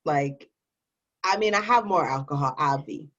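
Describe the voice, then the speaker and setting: A tipsy woman co-hosting a casual comedic chat, telling things in an animated way and acting out imagined quotes. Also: sits low, normal speed, muffled recording. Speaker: co-host of an online rant show.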